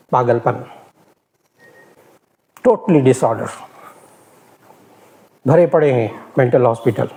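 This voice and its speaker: A man, a religious scholar, gives a lecture on scripture, repeating key points and swinging from loud emphasis to hushed remarks. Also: mid-range voice.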